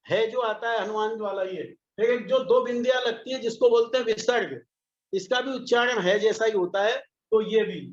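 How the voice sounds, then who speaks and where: A man teaching a patient pronunciation lesson, sounding out each syllable slowly. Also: extremely high pitch. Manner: slow, patient, demonstrates each sound aloud. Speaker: Sanskrit teacher. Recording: echoey, slightly dull recording.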